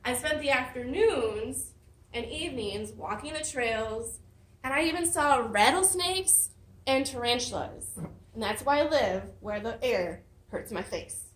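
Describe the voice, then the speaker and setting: A woman's voice: a little high, a little slow. Woman telling a story in a roomy hall. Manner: lively storytelling with dramatic emphasis. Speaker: club speaker. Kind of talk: prepared personal story speech. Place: meeting room. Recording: roomy hall, mic at a distance.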